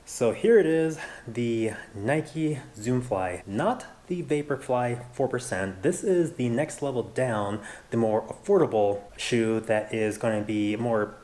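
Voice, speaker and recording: A man's voice: lowish voice, darkish tone. An American man in his thirties talking casually and earnestly to his viewers in a vlog, often repeating points for emphasis. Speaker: running vlogger. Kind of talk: casual vlog talk to camera.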